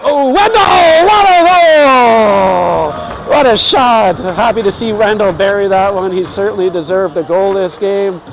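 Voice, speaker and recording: A man commentating youth hockey, shouting an excited, long drawn-out goal yell. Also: sits high. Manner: shouting excitedly with stretched-out words. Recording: clear rink noise behind.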